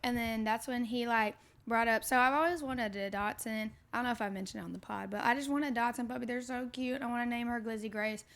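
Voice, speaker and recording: A woman's voice: a little high, steady tone, fast, hardly any pauses, fairly bright tone. Chatty young woman podcaster, filler-heavy. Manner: chatty, storytelling with many "like" fillers. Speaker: podcast co-host. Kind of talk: casual chat.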